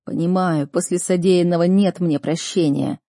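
A man's voice: high-pitched, steady tone, gravelly, warm tone, no room sound, studio quality. A woman playing a sobbing broken old duke. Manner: slow, sobbing, tired. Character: broken, weeping older duke and father.

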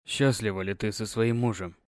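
A woman voicing a brooding, heartbroken young village man who speaks in a hushed, grave and pleading way. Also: extremely low pitch, fairly even intonation, moderate pace, no echo, studio quality, pitched below the performer's own voice.

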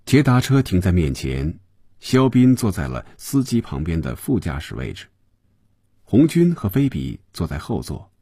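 A man narrating a serialized radio audiobook in an expressive storytelling manner. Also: sits low, moderate pace, slightly rough, dry recording, studio quality.

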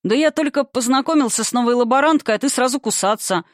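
A woman's voice: on the high side, fast, dry recording, pitched above the performer's own voice, natural voice. Woman voices a teasing youthful shadow creature, audiobook, dry. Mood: indignant. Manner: teasing, playful. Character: mocking young male shapeshifting darkness creature.

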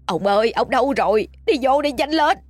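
A frantic, tearful village mother, as a woman puts her on. Her husky voice cries out shrill and panicked in a storybook reading. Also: lively intonation, moderate pace, a little mellow, no room sound.

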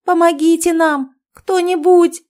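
A woman reading the part of a frightened but defiant young mother, her voice high and trembling. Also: normal speed, warm tone, close to an everyday voice. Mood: screaming. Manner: trembling, then shrill screaming.

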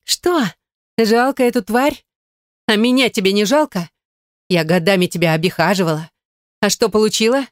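A woman reading an audiobook, voicing a shrill, jealous, scheming young woman who squeals her lines. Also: moderate pace, pauses often, dry recording, clean studio sound, lightly acted. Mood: shrill accusing. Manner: squealing, pleading then accusing. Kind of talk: audiobook character voice.

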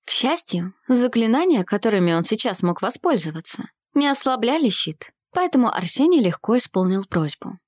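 A woman reading a fantasy audiobook with steady, expressive narration. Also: fairly high pitch, normal speed, hardly any pauses, no room sound, clean studio sound.

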